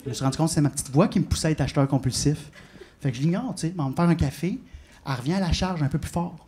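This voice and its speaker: High-voiced Québécois stand-up comic. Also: male voice, rapid-fire. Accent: Québécois French. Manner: self-mocking storytelling, confiding with the crowd. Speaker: stand-up comedian. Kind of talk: live stand-up comedy. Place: comedy club stage before a live audience. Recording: live show with loud audience laughter.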